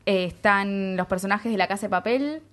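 A woman's voice: mid-range voice, moderate pace, fairly bright tone. A woman with an Argentine accent, hosting a casual chat and summarizing at length with strong opinions. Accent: Argentine Spanish.

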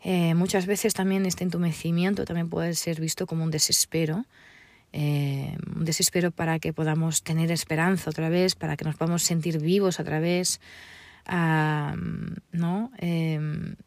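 A woman coach giving a gentle, reflective talk on emotional healing. She speaks hesitantly and often ends phrases with a questioning "right?". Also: low voice, flat delivery, a little slow, dry recording.

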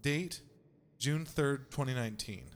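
A man's voice: mid-range voice, measured pace, slight background noise. A young man hosting a podcast in a casual, joking way, swearing and laughing often. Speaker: podcast host.

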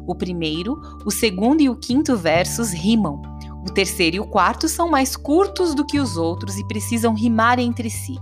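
Playful woman narrator for children's readings, lively melody, faint music bed. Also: mid-range voice. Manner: playful, lively storyteller addressing the listener. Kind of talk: reading limericks aloud for children.

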